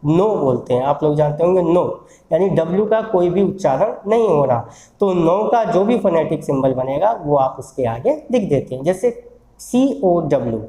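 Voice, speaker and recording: A man's voice: sits high, mellow, echoey room, rough recording. A man teaching English phonetics in a recorded lecture. He explains step by step, asking the class questions and answering them himself.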